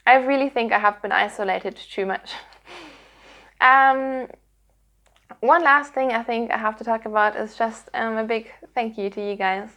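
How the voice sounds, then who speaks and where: A woman hosts her own podcast, chatting casually to her audience in a rambly, earnest, vlog-like way. Her voice is fairly high, steady, and sharp in tone, and she speaks a little slowly.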